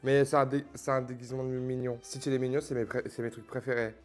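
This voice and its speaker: A man's voice: mid-range voice, little pitch movement, fast, darkish tone, faint music behind. A man chatting casually to his viewers in a joking, playful way while unboxing gifts. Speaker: youtuber opening advent calendars. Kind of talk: casual vlog chat to viewers.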